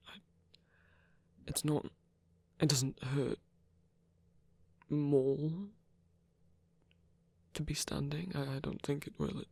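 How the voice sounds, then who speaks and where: A performer voices a proud, flirtatious villain in pain for an intimate ASMR roleplay, murmuring softly, hesitantly and haltingly in a breathy, gravelly tone that feels guarded yet tender. The pitch is medium and the tone level, the acting heavy, and there is no room sound.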